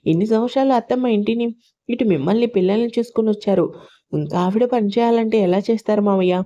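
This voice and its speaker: A woman voicing a gentle young daughter-in-law who pleads and soothes, on a dull lo-fi recording. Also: a little high, quick pace, close to an everyday voice. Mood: coaxing.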